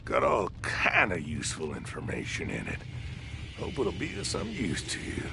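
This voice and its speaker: An actor playing a folksy old prospector in a video game, with a gravelly voice and a rural Western American drawl. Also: male voice, sits low, noisy background, exaggerated voice. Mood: grateful, pleased. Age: older. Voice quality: creaky, gravelly with frequent coughing and chuckling. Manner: folksy drawl, slow and animated. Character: grateful, folksy old prospector mourning his friend. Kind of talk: video game character dialogue.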